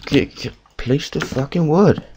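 Slow-talking young man narrating gameplay. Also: fairly high pitch, a little mellow, slight background noise. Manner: chatty, rambling, swears now and then. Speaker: gamer. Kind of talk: casual let's-play commentary.

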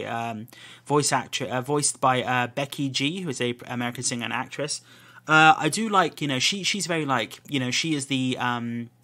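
A man's voice: mid-range voice, sharp tone. A man hosting a podcast, giving a solo film review in loose, rambling talk that often restarts its sentences. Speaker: podcast host.

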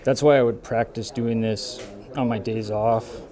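A man in his thirties, a barber and shop owner, talking casually while he works, relaxed and rambling with many fillers, moving around the room away from the camera mic. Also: medium pitch, a little slow, soft background music. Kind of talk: casual talk while working. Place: barbershop with brick walls, indoors.

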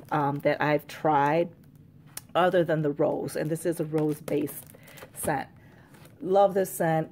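A woman with a somewhat low, mellow voice chats through a casual show-and-tell vlog. She rambles, piles on fillers, and now and then reads product blurbs aloud in a smoother tone. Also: slight background noise. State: out of breath. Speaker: candle collector vlogger.

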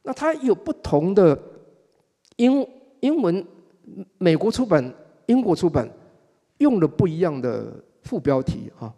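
An older man with a Taiwanese Mandarin accent giving a relaxed public talk at a book club event, chatty and wry, stretching the particles at the ends of his phrases. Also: sits high, unhurried, pauses often. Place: performance hall before an audience. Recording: long hall reverb.

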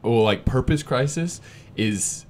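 A man in his twenties co-hosting a podcast, casual and upbeat, reading verses aloud between quick asides. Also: medium pitch, expressive, a little mellow, slight background noise. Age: 20s. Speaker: podcast co-host. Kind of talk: podcast conversation with scripture reading.

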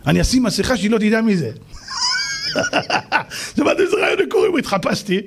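Man, rabbi, storytelling sermon, high voice, animated, acts out characters. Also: background noise. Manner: animated, acts out the people in his stories.

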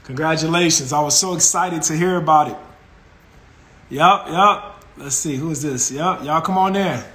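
Hosting an informal phone live stream, a man in his 40s greets his viewers, upbeat and laughing. His slightly bright voice is on the high side and moves at a moderate pace. The close-up phone camera picks up a roomy sound in his small indoor room with colored lights.

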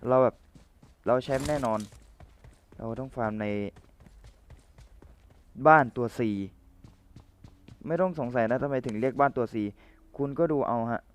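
A young man casually commentating his own game match, playful and chatty with viewers and teammates, his voice a little rough from the cold. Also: mid-range voice, unhurried, pauses often, slight background noise.

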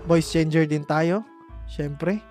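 Guy on a game stream, voice changer making him sound deep, joking around and cussing, faint music behind. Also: steady tone, takes it slowly, a little mellow. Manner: playful, joking, cursing banter. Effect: voice changer lowering his pitch. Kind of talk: casual game-stream chat.

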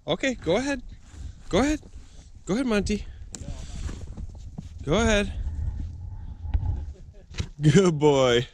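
A young outdoor vlogger narrates a casual camp vlog at night in the snow, talking to his dog and cooking over a fire before moving inside a snow shelter. His high voice swings widely in pitch and sounds a little mellow. He speaks slowly with frequent pauses, over slight background noise.

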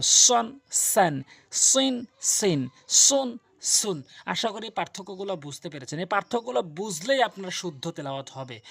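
A man teaching Quran recitation in Bengali with a Bangladeshi accent, explaining letter sounds and repeating drawn-out practice syllables. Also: high-pitched, creaky, dry recording. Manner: drills letter sounds slowly with repeated pairs. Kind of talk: online tutorial lesson.

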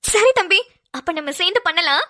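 A woman voicing a kind, tender-hearted middle-aged mother in a homemade cartoon. She speaks gently and motherly, pleading softly. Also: extremely high pitch, lively intonation, brisk, heavily acted. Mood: gentle.

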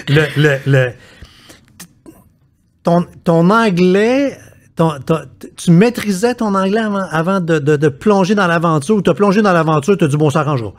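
A man with a Québécois French accent hosting a podcast, playful and joking, often stumbling and repeating words as he asks questions. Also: fairly high pitch. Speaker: podcast host. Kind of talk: casual conversation.

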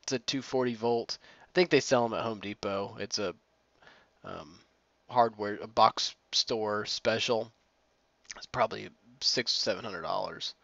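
A man's voice: fairly low pitch, unhurried, creaky, fairly bright tone, dry recording, muffled recording. A young man casually narrating a timelapse of his own welding work, rambling with plenty of ums and restarts. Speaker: DIY maker narrating his build.

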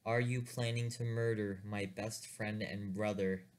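A man's voice: fairly low pitch, fairly even intonation, a little slow, natural voice. A man voicing a pompous, self-assured brother who speaks in formal, mock-grand phrases in a comedic spoof story.

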